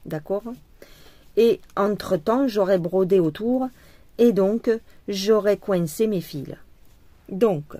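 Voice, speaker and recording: Woman, craft vlogger, mellow tone, playful chatty delivery. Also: medium pitch, takes it slowly, no room sound. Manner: chatty, playful, puts on a jokey accent. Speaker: cross-stitch vlogger. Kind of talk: casual chat while embroidering.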